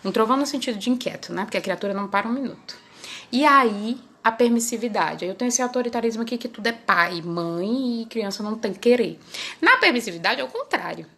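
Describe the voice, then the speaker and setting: A woman's voice: a little high, expressive, quick pace, sharp tone. A woman hosting her parenting channel, chatting casually and often ending her phrases with little tag questions. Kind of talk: casual talk to camera.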